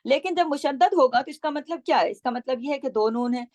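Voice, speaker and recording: High-voiced woman teaching recitation slowly. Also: darkish tone, no echo. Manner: patient, repeats syllables slowly to model sounds. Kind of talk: tajweed lesson, explaining pronunciation.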